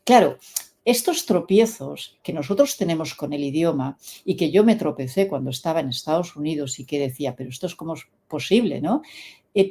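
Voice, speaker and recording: A middle-aged woman, explaining her English teaching method as an interview guest and acting out little stories. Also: low voice. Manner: animated storyteller, acts out quoted dialogue.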